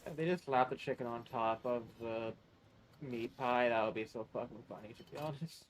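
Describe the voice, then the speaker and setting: A man's voice: medium pitch, normal speed, slight background noise. A man streaming live, chatting casually and rambling, swearing freely and drawing out his words.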